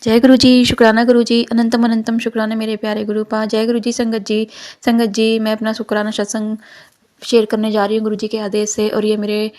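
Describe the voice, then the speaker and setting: A woman's voice: on the high side, completely flat delivery, brisk, a little mellow. A young woman giving an earnest devotional testimony, rambling with many restarts.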